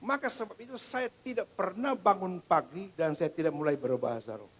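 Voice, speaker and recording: A middle-aged male pastor preaching a sermon in a church, swinging between loud proclamation and hushed storytelling. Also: sits high, fairly quick, slightly rough, poor audio. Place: church sanctuary.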